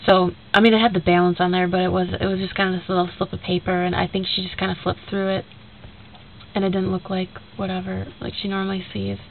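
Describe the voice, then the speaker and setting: Her voice stuffy and nasal from a cold, a young woman talks fast at a medium pitch with little pitch movement and vocal fry. She casually rambles in a video message to a friend, retelling a conversation with many fillers, on a tinny lo-fi recording with faint hiss.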